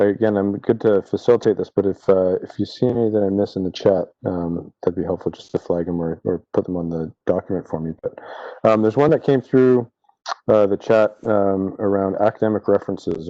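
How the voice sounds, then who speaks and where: A man's voice: low-pitched, dark tone, no room sound. A man moderating a panel question session over a video call, organized and reading out questions. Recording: dull dry video call audio.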